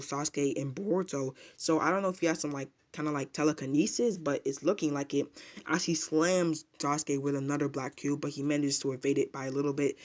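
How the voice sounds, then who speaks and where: Flat-toned man recapping a manga chapter. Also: fairly high pitch. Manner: rambling retelling with filler words and restarts. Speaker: anime manga reviewer.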